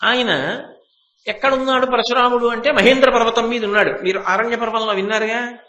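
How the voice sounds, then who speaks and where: High bright-voiced man preaching. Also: fairly even intonation, roomy sound. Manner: vivid retelling that acts out the characters' speech; chants verses slowly. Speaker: religious discourse speaker. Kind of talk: devotional storytelling sermon.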